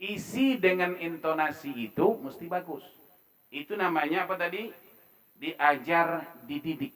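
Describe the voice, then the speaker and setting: A man giving a religious talk at a mosque forum. He preaches with lively swings between loud emphasis and quiet asides, and acts out everyday dialogue to make his points. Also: on the high side, measured pace, poor audio. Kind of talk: Islamic religious talk to a congregation.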